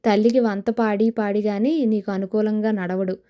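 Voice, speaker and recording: A woman's voice: mid-range voice, steady tone, moderate pace, mellow, natural voice. A woman voicing a scheming young woman who coaxes her friend with persuasive talk, in an audio novel. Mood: coaxing. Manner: coaxing, persuasive.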